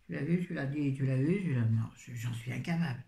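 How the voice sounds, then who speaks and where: Her bass voice is warm and creaky, and she talks a little fast. She's a woman vlogging about books, chatting casually with viewers while rambling and frequently interrupting herself, in a room with noticeable echo.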